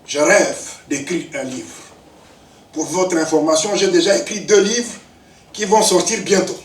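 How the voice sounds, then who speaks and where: A man in his fifties preaching a sermon, swinging between loud shouts and low, emphatic asides. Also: unhurried. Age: 50s. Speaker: pastor. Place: church. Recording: echoey church hall, mic at a distance.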